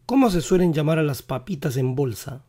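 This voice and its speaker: A male teacher running a vocabulary quiz lesson, repeating each English word slowly and carefully, his voice not fully recovered. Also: fairly high pitch, animated, warm tone.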